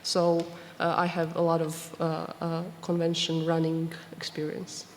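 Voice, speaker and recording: A woman introducing herself on a convention panel, halting and full of fillers. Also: sits low, monotone, slight background noise. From Croatia. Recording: reverberant hall.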